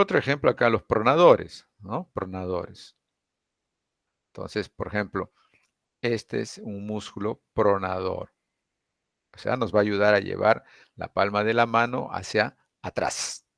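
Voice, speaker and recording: Gravelly man teaching an anatomy lecture. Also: lowish voice, dry recording, clean studio sound. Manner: explanatory, with frequent tag questions.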